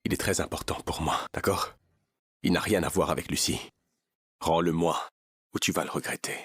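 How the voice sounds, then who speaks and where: Deep, very raspy wronged man. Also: animated, moderate pace, sharp tone, heavily acted. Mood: threatening. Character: wronged, grieving man with simmering vengeful anger. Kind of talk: dubbed melodrama acting.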